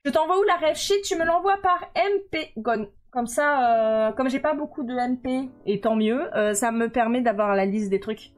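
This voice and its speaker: A woman's voice: fairly high pitch, normal speed, hardly any pauses. A woman streaming live, chatting casually and playfully with her viewers as she reads the chat aloud. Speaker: streamer drawing commissions live. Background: faint music.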